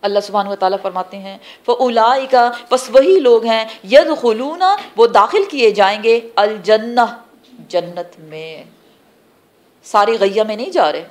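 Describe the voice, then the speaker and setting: A woman teaching a religious class, explaining scripture phrase by phrase and asking the class questions that she then answers herself. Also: medium pitch. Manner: explains terms word by word, pausing between phrases. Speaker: Quran teacher.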